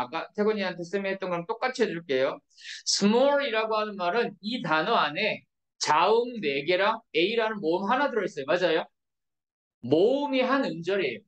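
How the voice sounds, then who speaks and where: A woman teaching an English grammar lesson in Korean to a class, constantly checking with her students through short questions. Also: fairly low pitch. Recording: echoey classroom from far off.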